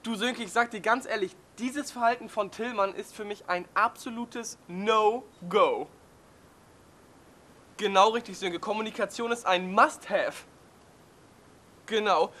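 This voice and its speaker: A man's voice: high-pitched, bright, forceful tone. A man voicing a fussy, pedantic man on the phone who keeps saying "genau" in an overly polite, prim way.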